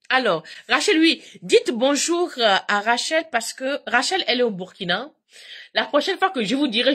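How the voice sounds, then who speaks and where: Husky-voiced woman telling stories to viewers. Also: on the high side. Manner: animated, repetitive, addresses viewers directly. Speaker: live streamer talking to her viewers. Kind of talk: casual chatty storytelling.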